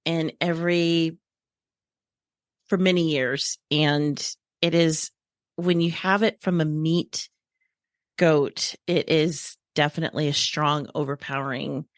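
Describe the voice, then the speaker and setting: A woman with a notably low voice, hosting a relaxed interview and chatting freely, with frequent laughs and emphatic opinions. The recording is dry and close. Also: slow pace, dry recording. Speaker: podcast host. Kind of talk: casual interview conversation.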